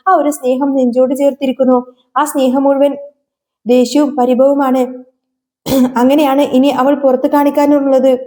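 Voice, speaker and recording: A woman's voice: high-pitched, warm tone. A woman narrating a serial episode as a dramatic, emotional story retelling.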